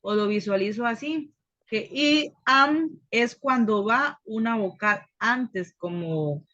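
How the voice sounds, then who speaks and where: A woman's voice: on the high side, slow, bright, forceful tone, no echo. A woman student asking questions in class, hesitant and searching for words. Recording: dry, lo-fi sound.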